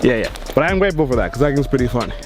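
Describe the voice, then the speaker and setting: A man's voice: mid-range voice, big pitch swings, rapid-fire. A man hosting a travel vlog, chatting casually and joking with a friend while out on a mountain trail and city streets. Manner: joking, chatty, filler-heavy. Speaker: travel vlogger. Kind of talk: casual on-camera chat. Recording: background music over the voice.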